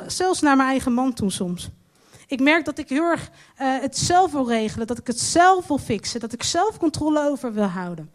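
A woman preaching a sermon, earnest and slowing down to stress her key lines. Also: high voice.

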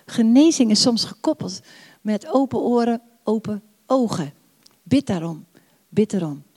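An older woman delivers a sermon in a slightly high voice. She speaks warmly and emphatically, repeating key phrases and slowing into drawn-out prayer lines. Her voice carries a long reverb, as if recorded in a church hall. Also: lively intonation, husky. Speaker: preacher.

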